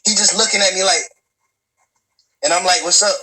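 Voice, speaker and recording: A man's voice: high voice, fairly even intonation, moderate pace, bright, forceful tone, low-quality recording. A man in his twenties telling a long personal story in a profane, rambling way, stammering, restarting and turning to talk straight to his listeners. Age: 20s. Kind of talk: casual storytelling.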